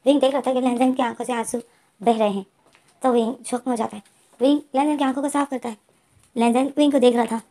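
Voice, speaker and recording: A woman's voice: fairly high pitch, steady tone, quick pace, mellow. A woman with a Hindi accent casually retelling a fan fiction story, voicing both characters' lines herself and talking directly to her listeners.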